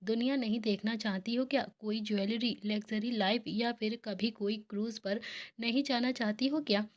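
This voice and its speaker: A woman's voice: fairly high pitch, fairly even intonation, moderate pace, lightly acted. A woman reading the lines of a stern but loving young husband, in her own voice. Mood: firm. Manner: commanding then tender.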